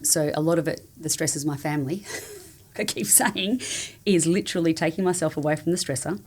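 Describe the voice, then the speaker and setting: A woman's voice: low voice, a little fast, a little mellow, breathy edge. A woman speaking as a podcast guest in a casual conversation, with an earnest, candid and affirming manner. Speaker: podcast guest, family support coach.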